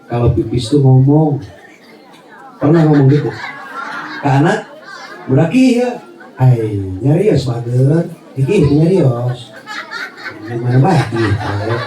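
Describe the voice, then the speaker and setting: A man with a Sundanese accent preaching a lively, joking sermon to a large gathering, often laughing and raising his voice. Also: sits high. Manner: animated, joking, swings between Sundanese and Indonesian, shouts and laughs. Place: outdoor religious gathering before a crowd. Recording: very echoey, far-off, crowd and noise behind.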